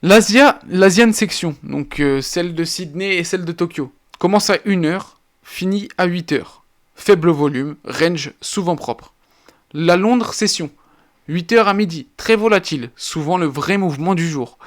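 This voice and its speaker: A man's voice: on the high side, a little slow. A man hosting his own channel, explaining trading charts in clipped, list-like phrases with casual interjections. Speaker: trading educator and channel host.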